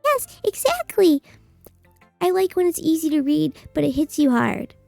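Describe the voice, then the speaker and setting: Woman putting on a high, bratty anime schoolgirl. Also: sing-song, unhurried, gravelly, a little mellow, dry recording, faint music behind, heavily acted. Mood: smug, earnest. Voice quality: cutesy, annoying anime-girl voice.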